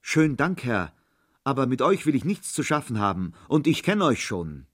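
A man's voice: medium pitch, big pitch swings, moderate pace, no room sound, clean studio sound, pitched above the performer's own voice. A man doing a scared young charcoal burner. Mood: nervous. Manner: raised, nervous, trembling bravado. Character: poor young male charcoal burner, frightened.

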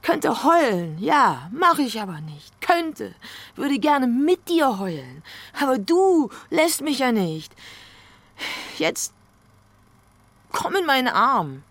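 Brief: actress as a clingy, pleading woman; high, lively pitch, very slow, halting delivery. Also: dry recording, full character voice. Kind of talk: stage monologue.

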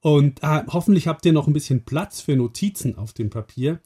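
Male host, warm low-key voice, slightly husky, addressing children. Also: expressive, normal speed. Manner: friendly, explaining. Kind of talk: talking directly to young listeners.

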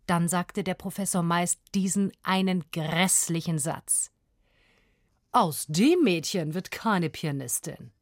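A woman narrating a story in an expressive, lively storytelling voice. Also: fairly low pitch, dry recording, clean studio sound.

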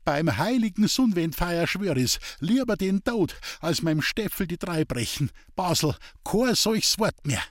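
A man voicing a young, lovesick village girl who speaks with passion, in a high voice. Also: sing-song, unhurried, few pauses, no room sound, studio quality. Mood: passionate. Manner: passionate, vowing.

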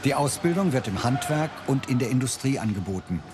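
A man delivering clear, measured scripted narration for a documentary. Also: medium pitch, lively intonation, music in the background.

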